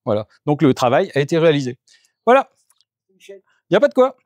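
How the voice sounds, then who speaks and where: On the high side and brisk, this man's voice swings widely in pitch, with no echo. He's a geobiologist performing an energy clearing, moving through the rooms of a house and explaining each step to the camera in a live demonstration.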